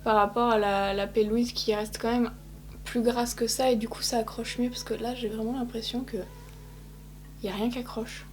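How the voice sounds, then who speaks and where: A young woman chats her way through a makeup tutorial, speaking straight to her viewers and teasing herself. Her voice sits a little high. A faint hum runs under the recording. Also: little pitch movement, normal speed, a little mellow. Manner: chatty, self-mocking, addresses viewers directly. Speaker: beauty vlogger. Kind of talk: casual makeup tutorial talk.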